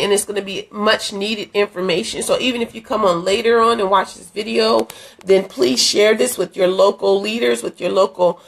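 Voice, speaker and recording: Hoarse from a cold, a middle-aged ministry leader with a mid-range voice invites viewers to an event during a casual live stream. She talks earnestly and chattily into a phone at arm's length in a dim room, with lots of fillers and restarts.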